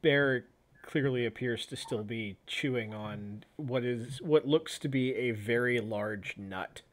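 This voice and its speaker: A man running a tabletop role-playing game as game master, narrating scenes with pauses and restarts. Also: mid-range voice.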